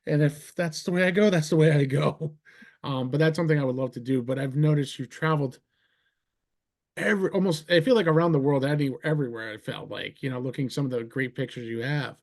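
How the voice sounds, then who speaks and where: A middle-aged man from New Jersey hosting a casual interview, talking in an enthusiastic, rambling way. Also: on the high side. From New Jersey, USA. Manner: enthusiastic, rambling, quick asides. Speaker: podcast host.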